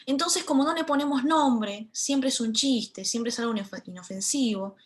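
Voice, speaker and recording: A woman's voice: on the high side, moderate pace. A woman in her twenties from Buenos Aires with a Rioplatense accent, giving an earnest lecture talk in short, emphatic phrases. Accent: Rioplatense Spanish. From Buenos Aires, Argentina. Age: 20s. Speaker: panel speaker.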